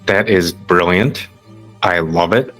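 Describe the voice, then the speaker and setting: A man's voice: low-pitched, slow pace, fairly bright tone, soft background music, low-quality recording. A man hosting a podcast, talking casually with self-deprecating jokes. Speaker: podcast host.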